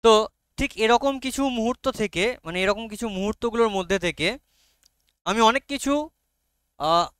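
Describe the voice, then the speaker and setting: A man's voice: high-pitched, animated, a bit bright, smooth, no room sound. A man with a Bengali accent teaching a literature class, explaining each line and checking often whether his students follow. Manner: reads English lines very slowly.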